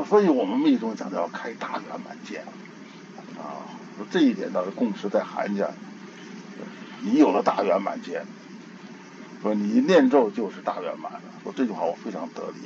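A man's voice: on the low side, animated, moderate pace. An older man giving an informal Buddhist dharma talk, in a homely conversational way, often repeating and restarting his words. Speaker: Buddhist teacher. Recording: dull lo-fi archival tape with faint hiss.

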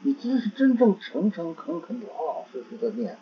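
A man giving a Buddhist dharma talk, halting and repeating words as he searches for phrasing. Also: sits high, very animated, a little hiss or hum. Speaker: Buddhist teacher. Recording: dull lo-fi recording.

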